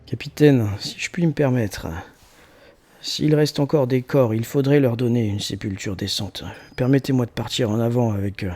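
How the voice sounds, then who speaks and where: A man's voice: medium pitch, steady tone, normal speed, a little mellow, close to an everyday voice. A man playing a devout, respectful priest in a tabletop fantasy game, speaking formally and deferentially. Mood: earnest, deferential.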